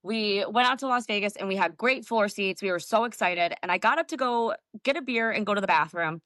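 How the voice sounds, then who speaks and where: A woman's voice: medium pitch, brisk, a bit bright, dry recording, clean studio sound. A woman guest talking casually as a football fan, chatty, laughing often and acting out what people said. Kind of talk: casual storytelling interview.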